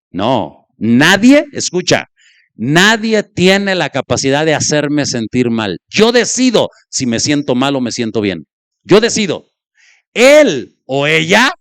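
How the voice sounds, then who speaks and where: Pastor guy preaching, kinda high clear voice, acts out the back-and-forth. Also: a bit bright, no room sound, clean studio sound. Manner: illustrates points by acting out spoken exchanges, with sudden pitch jumps. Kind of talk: sermon.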